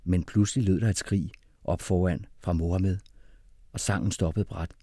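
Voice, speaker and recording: A man's voice: low voice, steady tone, warm tone, no room sound, clean studio sound. A man narrating a story in the first person, reading expressively. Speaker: audiobook narrator.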